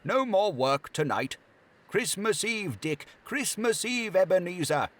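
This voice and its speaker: An audiobook narrator voicing a boisterous, jolly old male merchant who calls out loudly and heartily. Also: high voice, big pitch swings, measured pace, voice pushed up, exaggerated voice. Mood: jovial shouting. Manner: loud, hearty, shouting. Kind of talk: audiobook character voice.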